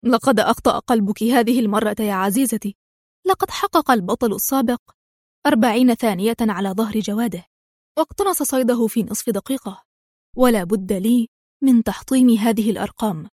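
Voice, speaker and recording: A woman reading the lines of a bold, joking male secret agent, calm and confident in a dry, close recording. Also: on the high side, fairly quick, no echo, lightly acted. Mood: calm teasing.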